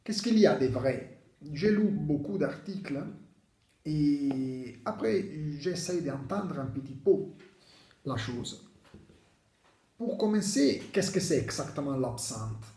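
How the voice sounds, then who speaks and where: Slow-talking man with foreign-accented French. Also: on the high side, animated, warm tone. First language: not French. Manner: halting, hesitant delivery in imperfect French. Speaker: video presenter. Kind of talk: unscripted explanatory talk to camera. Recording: echoey, reverberant room sound.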